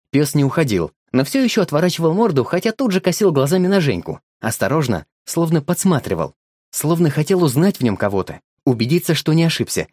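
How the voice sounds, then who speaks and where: A man narrates a children's audiobook with expressive, lively storytelling. His voice sits a little high and his melody moves a lot. The recording is dry and close with no room sound. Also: no echo.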